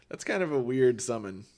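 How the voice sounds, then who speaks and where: A man's voice: mid-range voice, darkish tone. A man co-hosting a podcast, chatting casually about movies, joking and laughing often. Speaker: podcast co-host.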